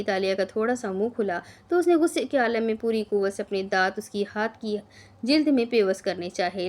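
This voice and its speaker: A woman gives scripted narration of a romantic audio novel. Her reading is expressive and dramatic. Her pitch sits in the middle range for a woman.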